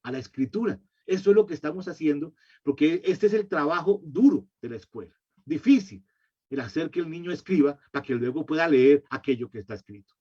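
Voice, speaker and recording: Husky man explaining with rhetorical questions. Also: fairly high pitch, expressive, fairly quick, darkish tone. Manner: explanatory, asks and answers his own rhetorical questions. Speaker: literacy educator. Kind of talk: slide-based lecture. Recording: dull lo-fi recording.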